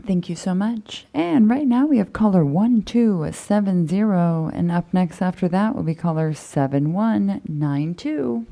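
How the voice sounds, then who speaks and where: A woman runs the call-in queue at a public meeting. She speaks in a mellow, warm tone with brisk, routine phrasing. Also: fairly low pitch, animated. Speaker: meeting moderator.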